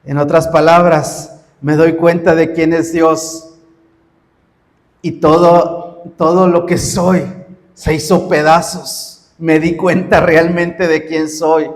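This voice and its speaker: High-voiced pastor preaching in a reverberant hall. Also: male voice, flat delivery, takes it slowly. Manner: preaching with rising, emphatic repeated cries. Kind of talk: sermon.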